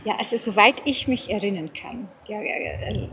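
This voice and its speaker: A woman's voice: mid-range voice, animated, moderate pace, sharp tone. Woman with English-accented German, Bavarian touches, noisy recording. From South Africa. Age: middle-aged or older. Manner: hesitant, searching for words, repeats phrases. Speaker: interview guest. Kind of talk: casual conversational interview.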